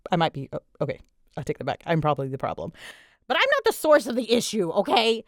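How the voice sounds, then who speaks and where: Her voice sits on the low side and moves quickly as this voice actress and host rambles casually through audience questions. She's animated and bouncy, a dramatic, giggly storyteller who pokes fun at herself. There's no room sound, just clean studio audio.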